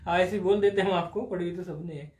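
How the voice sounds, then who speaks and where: A man's voice: sits high, steady tone, fast, darkish tone. A man teaching Sanskrit grammar in a live class, explaining patiently step by step and asking his students questions. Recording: roomy echoey room.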